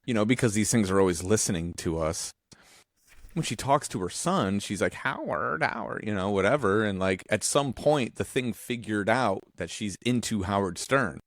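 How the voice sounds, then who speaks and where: This man, a visual artist in his 40s, rambles through animated stories as a podcast co-host, cutting himself off, starting sentences over, and dropping casual profanity. He has a lowish voice at normal speed in a dry, clean studio recording.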